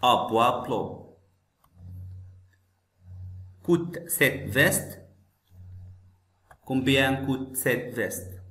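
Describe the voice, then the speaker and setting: A male teacher's voice, slow and patient, repeating every phrase and then explaining it. His voice sits at an ordinary middle pitch. It echoes around the room. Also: expressive, a bit bright. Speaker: French teacher.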